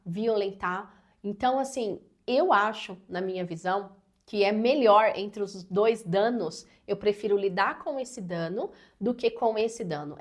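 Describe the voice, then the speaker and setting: Woman, thirties, earnest, personal, chatty fillers, parenting educator talk. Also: medium pitch. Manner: earnest, personal, uses many sabe and né fillers. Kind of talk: advice talk to camera.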